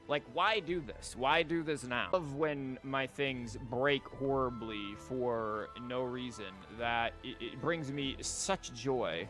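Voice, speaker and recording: Streaming a game live from an indoor setup, a man keeps up casual, rambling commentary with a wry, sarcastic edge while game music plays behind him. His voice is mid-range with a fairly bright tone.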